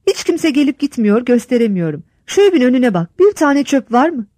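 A woman's voice: sits high, a little fast, no room sound, studio quality. A woman voicing a proud, talkative male village instructor who shows off his farm and calls out to his wife, in a read-aloud story. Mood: eager. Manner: excited, shouting to his wife.

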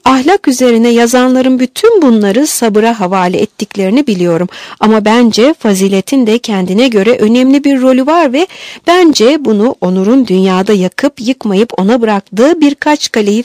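A woman's voice: on the high side, a little mellow, no echo. Woman reading an audiobook, dry sound. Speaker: narrator. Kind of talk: audiobook reading of a classic novel.

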